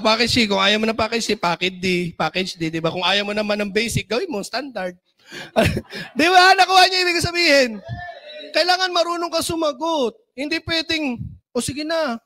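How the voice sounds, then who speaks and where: A man giving a motivational seminar talk as a business trainer, animated and often asking the audience for agreement. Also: very high-pitched.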